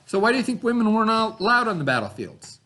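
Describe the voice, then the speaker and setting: Reading aloud fast in a high voice, with slight background noise, this man takes the part of a teacher. He's expressive and instructive, asking questions and offering pupils simple explanations.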